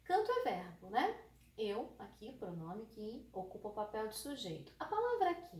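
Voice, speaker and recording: A woman with a São Paulo countryside Brazilian accent teaching an online grammar lesson, lively and emphatic, often checking with her students. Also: a little high. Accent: São Paulo countryside Brazilian Portuguese. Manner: lively, emphatic, asks the class checking questions. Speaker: Portuguese teacher.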